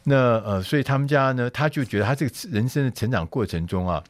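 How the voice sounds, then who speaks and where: A man's voice: medium pitch, animated, quick pace, dry recording. Chatty radio host man. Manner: chatty, frequent "哈" tags and fillers. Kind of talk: casual radio talk.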